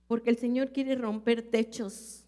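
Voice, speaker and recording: A woman's voice: a little high, little pitch movement, a little slow, mellow. A woman pastor with a Mexican accent, preaching a sermon earnestly and asking her congregation questions. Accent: Mexican Spanish. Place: church. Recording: echoey church hall.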